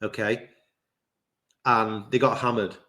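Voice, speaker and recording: A man co-hosting a sports podcast, relaxed and laughing at his own stories. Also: on the low side, takes it slowly. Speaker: podcast co-host. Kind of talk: casual podcast chat.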